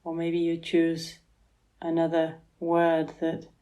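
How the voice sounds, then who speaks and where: Her voice sits low and her delivery is completely flat as this yoga therapist guides a relaxation meditation. She stays gentle and soothing, pausing at length.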